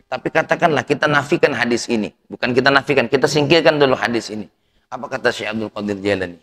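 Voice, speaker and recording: A man preaching a sermon, lively, rising loud to stress points and asking the audience questions. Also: medium pitch, fast talker. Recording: long reverb of a hall.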